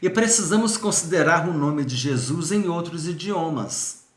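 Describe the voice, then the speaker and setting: A man gives a recorded seminary lesson, explaining step by step and often circling back to restate a point. He speaks directly to the viewer in a slightly high voice. The room around him echoes. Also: animated, normal speed. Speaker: seminary teacher.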